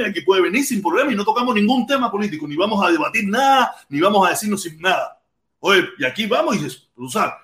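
A Cuban man with a Cuban Spanish accent hosting a live stream, talking in an animated, rambling way and often repeating himself. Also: sits high, reverberant. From Cuba. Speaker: livestream host. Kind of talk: casual live-stream commentary.

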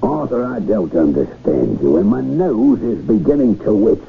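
Gruff old sea captain, gravelly. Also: male voice, on the low side, big pitch swings, normal speed. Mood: gruff, menacing. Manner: gruff old seafarer, sardonic and threatening. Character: gruff old sea captain, commanding, menacing, short-tempered. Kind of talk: old-time radio mystery acting. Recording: muffled noisy old radio recording.

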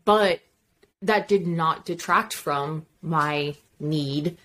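Frank woman with a lower voice. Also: extremely slow, fairly bright tone. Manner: frank, emphatic, swears and laughs easily. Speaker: podcast co-host. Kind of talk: casual podcast chat.

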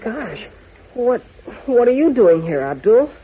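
Through a tinny, noisy old radio recording comes a boyish young cub reporter. His high voice swings about eagerly, naive and excitable in 1940s adventure-serial style. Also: slow, heavily acted. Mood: eager, curious.

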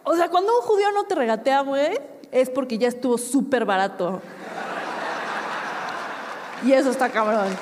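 A Mexican woman in her thirties works a crowd in a live stand-up set, her voice a little higher than most. She talks in a loose, chatty way, drops casual swear words and laughs along with her own punchlines. The sound rings with a long reverb, and a faint noise sits under it. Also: moderate pace, pauses often. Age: 30s. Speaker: stand-up comedian. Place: comedy stage before a live audience.

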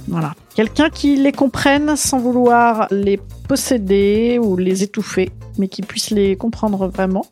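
A woman's voice: mid-range voice, unhurried, hardly any pauses, faint music behind. A woman, rambling through a questionnaire in a self-mocking, darkly joking way. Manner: self-mocking, rambling, dark humor, reads questions aloud. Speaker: podcast host answering a questionnaire. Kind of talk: casual solo monologue.

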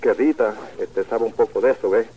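A man's voice: fairly low pitch, fairly quick, breathy edge, phone-quality sound. A man calling in to a radio show, speaking hesitantly with many fillers. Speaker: caller. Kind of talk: radio call-in chat.

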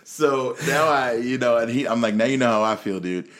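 A man in his late thirties hosting a casual chat, animated and often laughing, his voice trailing off softly at times. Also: mid-range voice, normal speed, background noise. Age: 30s. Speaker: podcast host.

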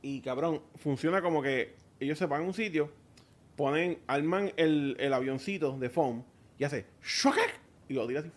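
A man telling a story on a casual podcast, animated and full of slang. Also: on the high side, normal speed. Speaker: podcast co-host.

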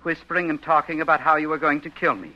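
A man playing a soft-spoken paranoid madman. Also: on the high side, quick pace, dull audio, slight background noise, lightly acted. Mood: paranoid menace. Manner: quiet, menacing, creepy calm. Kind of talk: 1940s radio acting.

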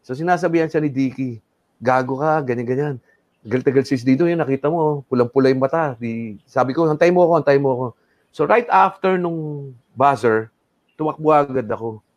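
A middle-aged man telling a story as an interview guest, animated and switching between Tagalog and English, acting out what people said. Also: medium pitch, a little fast, no echo, dull audio.

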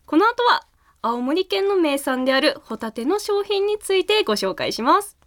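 A woman's voice: very high-pitched, big pitch swings, moderate pace, background noise. A woman with a Tsugaru accent hosting a radio show in a studio, presenting dialect in a chatty style. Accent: Tsugaru (Aomori).

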